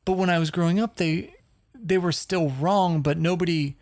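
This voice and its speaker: A man's voice: a little high, normal speed, darkish tone, no room sound. A man from Northern California co-hosting a podcast, talking in casual chat with blunt, emphatic bursts and the odd swear. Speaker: podcast co-host.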